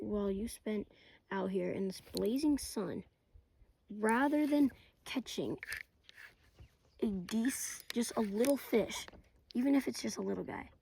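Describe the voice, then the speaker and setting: Chatty young woman with a gravelly voice. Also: fairly high pitch, poor audio. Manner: chatty and excitable, swears and says bro a lot. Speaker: fishing vlogger. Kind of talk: casual running commentary while fishing. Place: outdoors on a kayak on the water. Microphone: camera mounted on the kayak.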